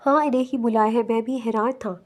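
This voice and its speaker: Hurried, curious young man friend, voiced by a woman in a romance audiobook. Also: on the high side, steady tone, natural voice.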